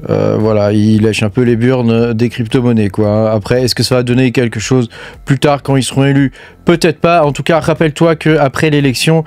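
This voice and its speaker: A man's voice: medium pitch, darkish tone, no echo. A man from France giving casual, filler-heavy commentary on crypto news over charts, talking straight to the viewer and swearing bluntly. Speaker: crypto mining YouTuber.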